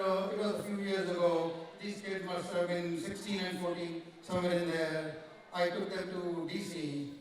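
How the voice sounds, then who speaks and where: A middle-aged man with an Indian accent giving a joking, self-deprecating wedding speech as the bride's uncle. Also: sits high. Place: large reception hall. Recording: echoey banquet hall, mic far off.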